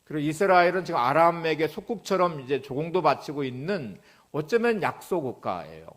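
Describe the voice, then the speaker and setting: A man preaching a sermon as pastor, dropping to near-whispers and then rising to loud, emphatic questions, reading scripture slowly and dramatically. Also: on the high side, very animated. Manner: swings between soft near-whispers and loud emphatic rises; reads scripture aloud with slow, dramatic stress.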